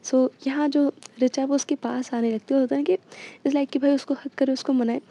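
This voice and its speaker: High-voiced chatty woman storyteller. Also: steady tone, moderate pace, warm tone. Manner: chatty, mixes in English fillers like "you know". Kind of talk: casual Hindi-English storytelling.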